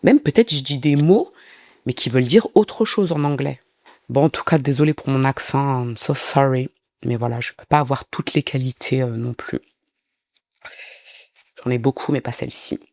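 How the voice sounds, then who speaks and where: A man's voice: mid-range voice, normal speed, darkish tone, no room sound. A man telling a true-crime story in a casual, chatty way, breaking off for asides to his viewers.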